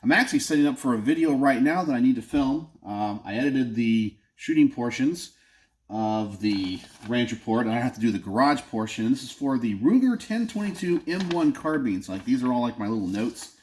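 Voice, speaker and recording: Recorded on a phone camera in his home garage, a Texan man hosts his channel in a medium-pitched, nasal voice that's animated and a little fast. His vlog chat is casual and unscripted, peppered with ums and asides.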